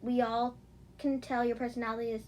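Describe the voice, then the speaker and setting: A woman's voice: a little high, little pitch movement, a little fast, a little mellow, a little hiss or hum, close to an everyday voice, low-quality recording. A woman voicing a smirking, mocking teenage boy classmate in a fan audio story.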